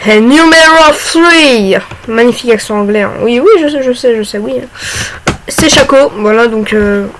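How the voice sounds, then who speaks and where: A young woman casually talking through game tips, chatty and excitable with lots of fillers. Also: on the high side, moderate pace, noisy background. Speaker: gaming YouTuber. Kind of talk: casual gaming commentary.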